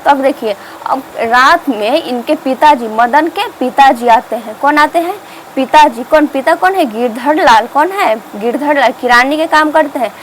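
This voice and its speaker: Brief: female tutor, high voice, repeats and quizzes herself while retelling a story. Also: moderate pace, a little hiss or hum, low-quality recording. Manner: repetitive, asks and answers its own questions. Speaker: teacher. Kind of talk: explaining a story to students.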